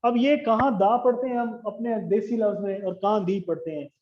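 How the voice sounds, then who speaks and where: A man's voice: high-pitched, fairly even intonation, normal speed. Man, English grammar teacher, classroom lecture, dull lo-fi recording. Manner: explains step by step, asks the class questions.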